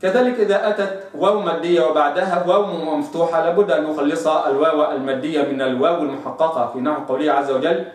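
A man teaching Quran recitation rules, slowly sounding out each example word. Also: fairly high pitch. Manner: slow demonstrative pronunciation of examples. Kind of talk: tajweed lesson with recited examples. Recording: very echoey room, mic at a distance.

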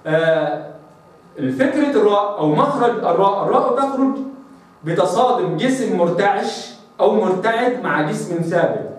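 A man's voice: sits high, lively intonation, moderate pace. A man, teaching Quran recitation pronunciation, repeating the rolled r aloud and calling the listener brother. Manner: addresses listener as brother, asks them to try. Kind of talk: explanatory lesson on pronunciation. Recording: echoey room, voice from a distance.

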